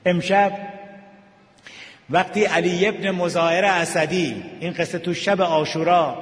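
A man preaching an emotional sermon, telling stories and dropping his voice low for tender moments, then lifting into sung lines. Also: fairly even intonation. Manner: emotional, slows and drops to near whisper for tender moments, rises with sung passages. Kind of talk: religious sermon with storytelling. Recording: echoey hall reverb.

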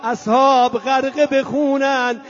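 A man with a very high voice chants a religious mourning sermon, drifting in and out of a sung lament and stretching his cries long. The recording is dull and lo-fi. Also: steady tone, soft background music. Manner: half-sung lamenting chant with drawn-out wails.

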